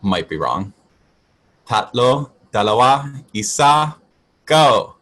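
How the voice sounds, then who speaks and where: A man's voice: mid-range voice, very animated, slow pace, fairly bright tone. Male host, casual chat, playful, laughs a lot.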